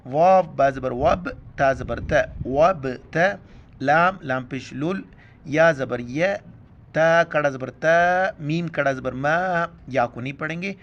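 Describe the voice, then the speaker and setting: A man teaching Quran recitation, explaining letters quickly in Urdu with a Pakistani accent, then chanting verses slowly and loudly. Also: a little high. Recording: dull lo-fi sound.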